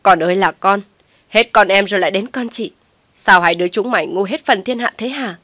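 A woman's voice: medium pitch, a little fast, no echo. A woman doing a furious scolding mother. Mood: angry scolding. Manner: shouting, scolding.

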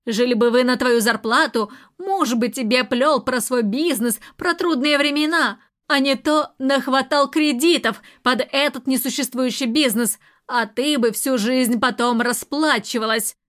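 A sharp-tongued middle-aged aunt, read by a woman in an audiobook, sarcastic and lecturing. The voice sits high. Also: unhurried, few pauses. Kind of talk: audiobook character reading.

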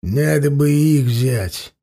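A man playing a grim warrior interrogating a captive, his voice low-keyed, quiet and even, each word slow and deliberate. A gravelly, dark edge makes the calm feel threatening in this audiobook story. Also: heavily acted. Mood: cold.

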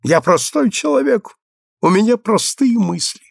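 A prim, self-righteous businessman who turns indignant and wailing, as a man reading the story acts him out. His voice sits somewhat high with a gravelly texture. The recording is dry and close. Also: animated, a little slow, no echo, full character voice. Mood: smug.

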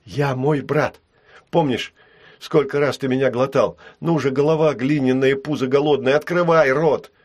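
A man voicing a bold, stubborn young boy who pleads and shouts with urgency. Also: mid-range voice, fairly even intonation, normal speed, voice pushed up, natural voice. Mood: urgent, pleading.

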